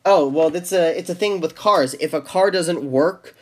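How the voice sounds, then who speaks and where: A man's voice: high-pitched, moderate pace. Rambling young man on a casual podcast. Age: young adult. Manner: rambling with many restarts and fillers. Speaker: podcast co-host. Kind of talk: casual chat.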